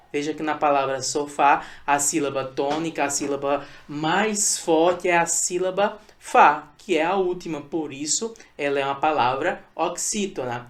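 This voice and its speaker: A man with a Brazilian Portuguese accent teaching a recorded lesson, explaining patiently and repeating points, often checking in with a quick question tag. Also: fairly high pitch.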